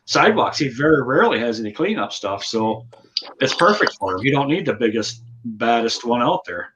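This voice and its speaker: A man's voice: mid-range voice, big pitch swings, brisk. An American man explaining things casually as a lawn care worker in a live chat. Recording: dull lo-fi audio, faint noise.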